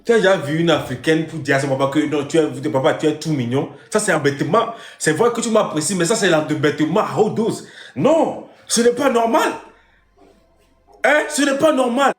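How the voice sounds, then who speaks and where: A man's voice: fairly high pitch, animated, normal speed. A man hosting a comic live stream as a strict father, lecturing with emphatic repetition. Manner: lecturing, emphatic, repeats phrases. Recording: roomy echo.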